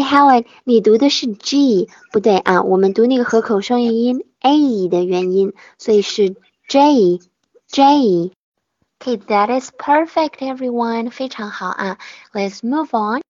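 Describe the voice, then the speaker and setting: A woman teaching English pronunciation in an online lesson, patiently modelling sounds slowly and repeating them. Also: fairly high pitch, dry recording, highs cut off.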